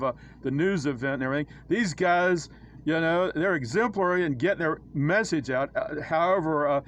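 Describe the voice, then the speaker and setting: A man with a somewhat high voice talks through his own drawings in a casual, halting way, full of fillers and restarts. His tone is preachy and wry. A faint hiss of ambient noise sits under the recording. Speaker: church critic presenting his own illustrations. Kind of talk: casual screen-share commentary.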